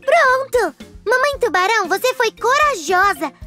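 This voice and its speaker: A woman's voice: very high voice, sing-song, measured pace, sharp tone, soft background music, heavily acted. A woman voicing a caring, cheerful little fish nurse in a children's cartoon, encouraging young viewers with exclamations.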